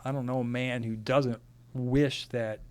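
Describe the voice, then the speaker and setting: A man's voice: medium pitch, fairly even intonation, unhurried, darkish tone, smooth. A man speaking as a podcast guest, plain-spoken and full of ums and uhs. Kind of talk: casual conversation.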